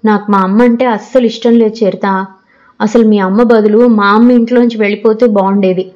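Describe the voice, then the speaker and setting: A woman's voice: mid-range voice, steady tone, fairly quick, darkish tone, lightly acted. Lady doing a nervous teen girl, eager worried questions, storybook reading, kinda muffled audio. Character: anxious unhappy teenage girl student.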